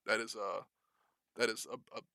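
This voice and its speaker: A young man rambles eagerly through a casual film chat on a podcast, full of "um"s and restarts. His voice is bright and forward, recorded dry and close with little room sound. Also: on the low side, flat delivery, moderate pace, creaky, no room sound. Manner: rambling, enthusiastic, many fillers and restarts. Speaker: podcast co-host.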